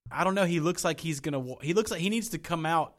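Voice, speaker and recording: A man co-hosting a podcast, talking in a casual, animated way with lots of restarts and trailing thoughts. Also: on the high side, fast talker. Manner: animated, rambling, frequent restarts. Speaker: podcast co-host. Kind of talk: casual chat.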